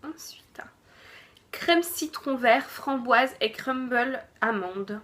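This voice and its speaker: A woman's voice: a little high, takes it slowly, fairly bright tone. A woman reviewing a food subscription box in casual chat, hesitant, with lots of fillers and self-corrections. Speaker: unboxing vlogger.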